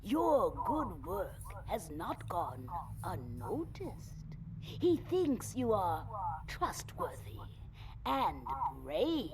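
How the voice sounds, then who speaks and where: A woman's voice: medium pitch, sing-song, extremely slow. A woman playing an old fortune teller in a video game, cryptic and theatrical, drawing out her phrases. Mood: ominous, knowing. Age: older. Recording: loud noisy ambience under the voice.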